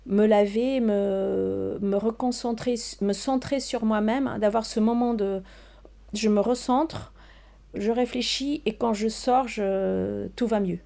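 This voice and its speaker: An older woman speaks as an interview guest, her voice dark, mellow and gravelly with a touch of fry. She talks haltingly, filling pauses with ums and restarting her sentences. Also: mid-range voice, fairly even intonation. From Portugal. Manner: hesitant, many fillers and restarts. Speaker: research scientist guest. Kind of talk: casual interview answers.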